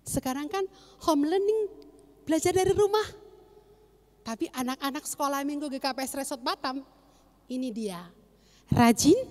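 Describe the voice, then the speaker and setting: A young woman teaching children at Sunday school, animated, asking questions and answering them herself. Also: high voice, in a large hall.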